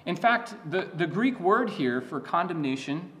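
A man's voice: high-pitched, lively intonation, unhurried, a bit bright. A man preaching a sermon as a pastor, teaching in an earnest, emphatic way with frequent restarts and asides.

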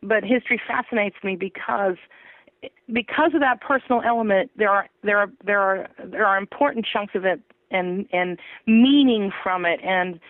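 A woman author telling her story in an animated, laughing way during an interview. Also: mid-range voice, normal speed, dry recording. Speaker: author guest. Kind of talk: interview over phone. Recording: tinny phone line, dry.

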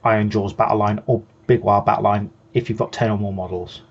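A man's voice: lowish voice, steady tone, fairly quick, husky, dull audio. A man co-hosting a hobby show, patiently explaining game rules in casual chat and often restarting his sentences. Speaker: co-host.

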